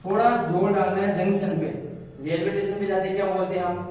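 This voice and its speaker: A man's voice: sits high, level tone, fast talker, a little mellow. Man, English teacher, asks-and-answers questions, distant mic, roomy echo. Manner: asks questions then answers them himself, repeats key words. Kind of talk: classroom-style lesson with call-and-response questions. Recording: echoey room, voice from a distance.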